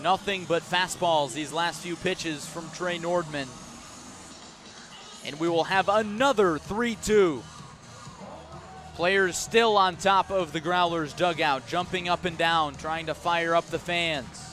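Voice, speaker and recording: With soft music in the background, an American man calls live baseball for radio in a slightly high, somewhat bright voice, speaking slowly. His play-by-play is dramatic, delivered in brief, clipped bursts.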